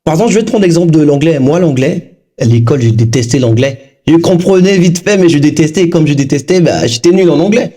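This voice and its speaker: A man in his thirties from Togo, a guest talking casually in an interview, lively and full of fillers. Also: fairly high pitch, fast talker. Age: 30s. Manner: animated, lively storytelling with frequent fillers.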